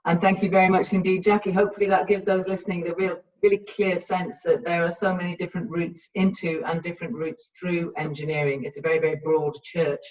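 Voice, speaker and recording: A woman's voice: on the low side, flat delivery, fairly quick, few pauses, darkish tone. A woman chairing an online panel as moderator, speaking politely and encouragingly over a video call. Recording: distant, dull lo-fi sound.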